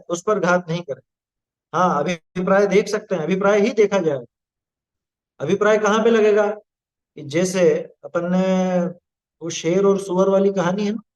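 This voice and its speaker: High-voiced man teaching scripture. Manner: explains patiently, asks listeners "है ना?" and "आया समझ में?". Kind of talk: spoken religious discourse.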